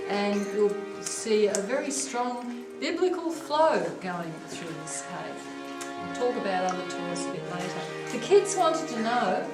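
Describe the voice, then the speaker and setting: An Australian woman guiding a cave tour, telling its history in a chatty, wry way, her voice ringing with cave echo. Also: medium pitch. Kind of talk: guided tour talk. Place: inside a limestone show cave. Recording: echoey cave with loud music behind. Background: loud music.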